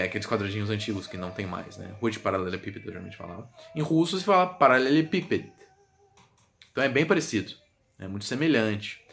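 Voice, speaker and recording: A man who teaches languages, casually explaining words in a vlog and repeating example words aloud, with many fillers. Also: medium pitch. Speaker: language teacher and video creator. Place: home room with a gaming setup. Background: music playing softly in the background.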